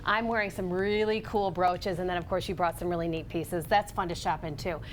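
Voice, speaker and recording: A woman's voice: lowish voice, steady tone, a little fast, slight background noise, poor audio. A woman presenting as a lifestyle show host, in conversational sales patter with frequent check-in tags. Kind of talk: presenting products to viewers.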